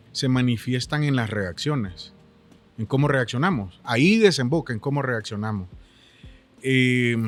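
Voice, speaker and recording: A man with a Honduran accent, speaking earnestly and reflectively as a podcast guest. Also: medium pitch. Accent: Honduran Spanish. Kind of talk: reflective conversational chat.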